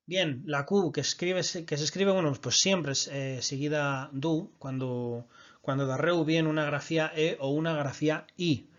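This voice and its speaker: A man's voice: a little high, fairly even intonation, a little slow, highs cut off. A man teaching a recorded online language lesson, explaining patiently and often checking that his listeners follow.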